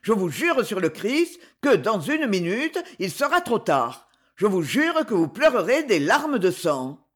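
Raspy male knight, proud and vehement, storybook reading, voiced by the narrator, lively pitch. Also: unhurried. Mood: stern. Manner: solemn, grave, vehement. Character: proud adventurer knight, fierce and wounded in honor.

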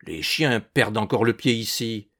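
A man voicing a suspicious old male landowner hunter who shouts and blusters, making angry accusations. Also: lowish voice, normal speed. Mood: furious.

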